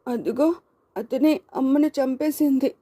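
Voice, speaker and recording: A grieving eight-year-old boy testifies through tears, as a woman puts him on, his voice pushed high above her own. He speaks haltingly and sobs as he talks, in a mellow, dark tone. It is a dry, close storybook reading. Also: breathy edge, no echo. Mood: tearful. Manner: halting, tearful. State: crying, sobbing.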